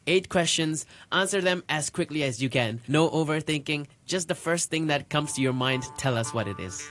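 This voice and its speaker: A man's voice: a little high, animated, normal speed, fairly bright tone, faint music behind. Guy cohosting a podcast, reads quiz questions, short reactions. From Hong Kong. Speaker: podcast co-host. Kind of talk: podcast interview hosting.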